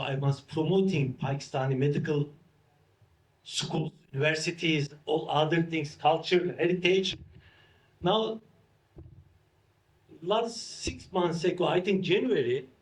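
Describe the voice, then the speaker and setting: High-voiced man in halting English. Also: rough recording. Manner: halting non-native English in short phrases. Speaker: interview guest, institute founder. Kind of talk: unscripted interview talk.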